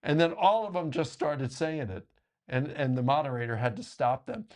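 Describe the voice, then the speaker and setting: A man speaking at medium pitch joins a casual discussion as a guest author, relating stories animatedly, punctuated by rapid asides.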